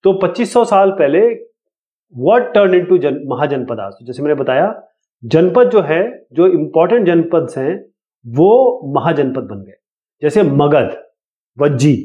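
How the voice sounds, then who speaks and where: Male teacher, casual explainer, slightly high voice, tinny phone-like recording. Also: big pitch swings. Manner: casual, explanatory, reads questions slowly. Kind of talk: explaining an exam lesson.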